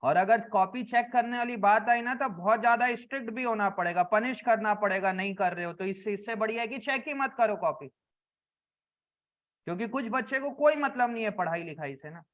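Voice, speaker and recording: A male accounts teacher lectures a classroom in Hindi, mixing in English terms, with a high-pitched voice. He works through each problem by asking the students and then answering himself. His voice sinks to a low murmur when he scolds the class or adds up columns. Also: fairly quick, a bit bright. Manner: asks the class questions and answers them himself; drops to a low murmur for scolding and adding up sums.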